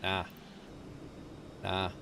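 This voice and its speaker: A man giving casual livestream commentary on a flight simulator game, informal and thinking out loud. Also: drawn-out words, noisy background.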